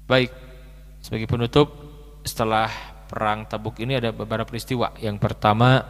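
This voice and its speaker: A man preaching a storytelling sermon, moving between loud exclaiming and soft hushed telling, reciting Arabic verses and translating them. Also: medium pitch, in a large hall.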